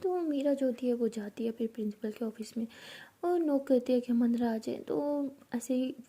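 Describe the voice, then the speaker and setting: A woman's voice: on the high side, normal speed, dark tone, breathy edge. A woman telling a love story in a casual, half-whispered way.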